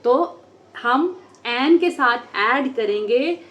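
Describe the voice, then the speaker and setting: Woman, homeschool phonics lesson, slow drawn-out letter sounds, somewhat high voice, faint hiss behind. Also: expressive, fairly bright tone. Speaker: homeschool teacher. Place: home.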